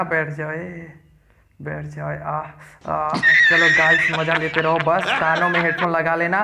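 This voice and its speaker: A man's voice: fairly high pitch, gravelly, bright, forceful tone. Playful Indian gamer man, noisy recording. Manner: playful, teasing, keeps calling out to viewers. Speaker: mobile game YouTuber. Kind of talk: casual gameplay commentary. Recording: noisy recording with game clicks.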